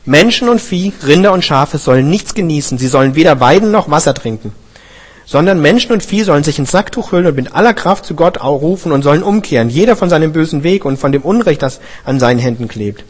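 A solemn royal herald , voiced by a man, calling out a decree in a raised, measured tone. He proclaims with grave authority in a storybook scripture telling. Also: fairly high pitch, lively intonation. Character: stern king's herald proclaiming a fast.

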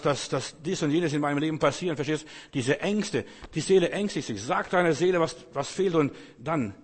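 A man's voice: a little high, slightly rough, big-room sound. A man preaching a sermon in German, fervently exhorting his listeners and speaking to them directly.

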